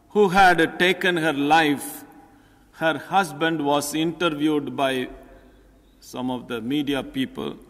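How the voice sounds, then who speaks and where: An older man, a priest, reading scripture and preaching solemnly with measured phrasing in the echo of a large church. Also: fairly high pitch, a bit bright. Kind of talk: solemn gospel reading and homily. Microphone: lectern gooseneck microphone. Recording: echoey church hall, long reverb.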